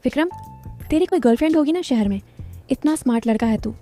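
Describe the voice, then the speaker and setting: A woman's voice: high voice, expressive, quick pace, mellow, soft background music. A woman voicing Sunita, a teasing village widow. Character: lonely widowed village woman, mid-thirties, friendly.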